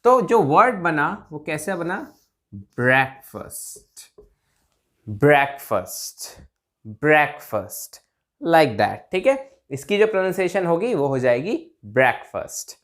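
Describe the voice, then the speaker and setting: Lively male teacher drilling pronunciation. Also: high voice. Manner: repeats words slowly, drawn out, checks in with "theek hai?"; writes on a board while talking. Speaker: English teacher. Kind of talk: pronunciation lesson.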